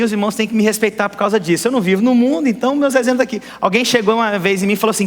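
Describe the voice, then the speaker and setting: High-voiced pastor preaching in an echoey hall. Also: male voice. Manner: animated, rhetorical questions to the congregation. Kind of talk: sermon. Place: church hall.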